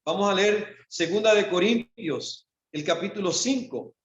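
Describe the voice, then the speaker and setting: Panamanian pastor guy preaching, highish voice, echoey church, kinda dull lo-fi sound. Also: unhurried. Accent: Panamanian Spanish. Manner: preaching with rhetorical questions, dropping low and soft for quoted lines. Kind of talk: sermon. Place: church hall.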